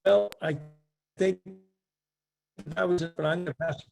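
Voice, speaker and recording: Man, warm and slightly high voice, on a choppy video call line that keeps cutting out his words. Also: fairly even intonation, unhurried, gravelly. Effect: choppy video call audio cutting out mid-word. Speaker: network marketing team leader. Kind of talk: video call training presentation. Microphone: computer mic on a video call.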